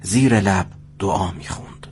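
A man narrating a scripted story at a steady pace. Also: sits low, slight background noise.

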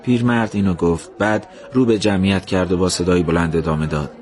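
A man narrating a story in a calm, measured, gentle way. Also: sits low.

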